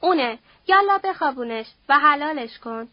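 A woman's voice: high-pitched, expressive, no room sound, highs cut off. A woman voicing a domineering male Qajar prince who barks short orders. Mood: commanding. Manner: curt, barking orders. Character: imperious aging male Qajar prince with a cane.

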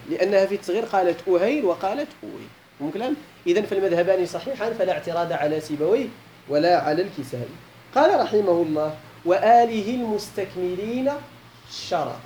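Moroccan sheikh teaching grammar. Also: male voice, high voice, a little mellow, a little hiss or hum. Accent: Moroccan Arabic. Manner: poses questions to students and repeats key points; mixes formal Arabic with colloquial asides. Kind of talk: classical grammar lesson.

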